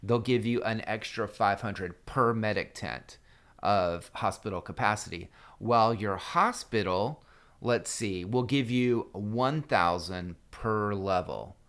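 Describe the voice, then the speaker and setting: A man with a somewhat low voice narrates a strategy game walkthrough. He talks casually into a desk mic, leaning on fillers and restarting his sentences as he explains. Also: takes it slowly, fairly bright tone. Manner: loose, filler-heavy, full of "you know" and restarts. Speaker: game guide host.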